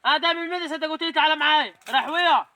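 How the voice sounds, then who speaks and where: A man's voice: very high voice, very fast, pushed and bright, no echo, full character voice. A man playing a reluctant schoolboy son, whining and pestering with questions about stealing. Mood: objecting.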